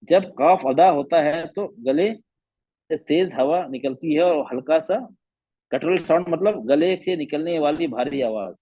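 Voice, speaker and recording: A man's voice: a little high, breathy edge, dry recording, phone-quality sound. A man teaching a Quran recitation class online, patiently repeating letter sounds to demonstrate them.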